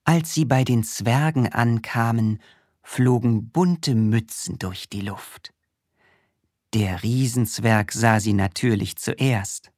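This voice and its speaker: A woman reads a children's storybook aloud in a low, husky voice. She goes very slowly, and her tone still rises and falls with lively expression. The sound is dry and close. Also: no room sound. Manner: calm, very slow and expressive.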